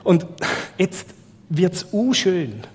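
A man's voice: high-pitched, very animated, drawn-out words, a little mellow. A man preaching a sermon with a Swiss German accent, talking conversationally and asking his listeners rhetorical questions. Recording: long reverb of a large hall.

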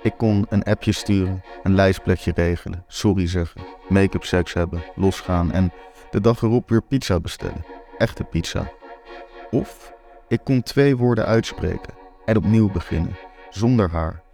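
A man's voice: sits low, normal speed, gravelly, mellow, soft background music. A man in his twenties reading a first-person story aloud, candid and wry. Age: 20s. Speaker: narrator.

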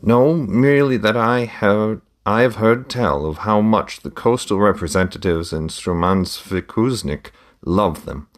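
A man's voice: lowish voice, animated, measured pace, few pauses, voice pushed up. A man voicing a shrewd older merchant who haggles with theatrical flair in a read-aloud story. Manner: theatrical, bargaining.

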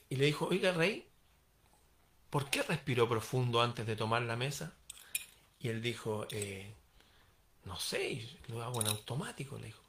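A man's voice: medium pitch, background noise. A man telling a parable aloud, acting out the dialogue in varied voices. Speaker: storyteller. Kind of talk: oral storytelling of a parable.

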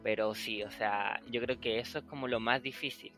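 Bright-voiced man chatting casually on a podcast. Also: medium pitch, fairly even intonation, normal speed, soft background music. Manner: rambling, heavy use of fillers like "o sea" and "eh"; mixes in English words. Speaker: podcast host.

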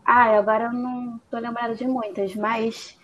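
A young woman with a Brazilian Portuguese accent, chatting earnestly and lively as a guest on a casual panel. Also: on the high side, highs cut off. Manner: earnest, lively, drawn-out phrases.

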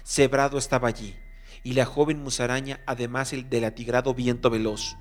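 A man reading an animal adventure novel aloud as narrator, in a measured, even manner. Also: medium pitch, a little hiss or hum. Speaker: audiobook narrator. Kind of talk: scripted storybook narration. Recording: background music bed.

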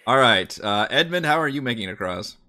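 A man's voice: mid-range voice, lively intonation, fairly quick, sharp tone. A man running a tabletop game as game master, narrating and chatting casually.

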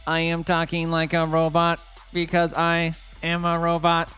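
A podcast co-host talking in a slow, stiff robot voice, as a man playing a monotone male robot. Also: on the high side, faint music behind, pitched above the performer's own voice. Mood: robotic. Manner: slow, evenly spaced robotic delivery. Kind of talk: casual podcast banter.

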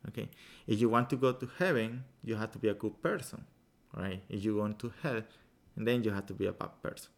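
Chatting casually as a podcast guest, a yoga teacher from Venezuela earnestly works through his ideas in English, with frequent restarts and a halting delivery. His voice is lowish, and his accent is Venezuelan Spanish.

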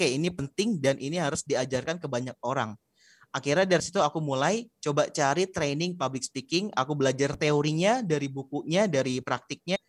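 A man's voice: mid-range voice, no room sound, clean studio sound. A young man, a public speaking trainer, explaining things in a casual podcast interview with slangy fillers.

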